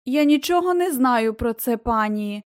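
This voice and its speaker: A woman's voice: a little high, lively intonation, a little slow, no room sound, clean studio sound. A woman voicing a meek, childlike giant man who speaks in a trembling voice in a storybook reading. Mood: timid. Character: timid giant male ex-ruler, childlike and meek.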